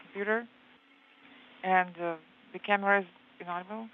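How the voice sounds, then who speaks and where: A spacewalk interpreter relaying terse procedural callouts over a crackly space-to-ground radio transmission, halting with fillers between short commands. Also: mid-range voice, fairly even intonation. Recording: tinny narrow-band radio line with faint hiss.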